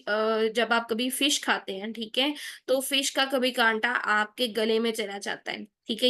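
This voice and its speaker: A woman's voice: fairly high pitch, sharp tone. A woman teaching Quran pronunciation in an online lesson. She explains patiently and keeps checking in with "theek hai".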